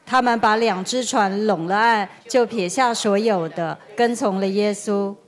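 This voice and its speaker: A woman reading a scripture passage aloud in a steady voice during a service. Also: mid-range voice, unhurried.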